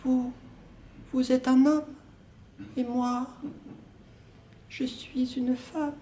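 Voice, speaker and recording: A man's voice: very high voice, flat delivery, drawn-out words, warm tone, a little hiss or hum, pitched above the performer's own voice, exaggerated voice. A young man playing a young woman lover who turns aside questions with short, hesitant denials. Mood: tearful. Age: young adult. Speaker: student actor. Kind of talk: solo stage reading of a play. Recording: roomy echo.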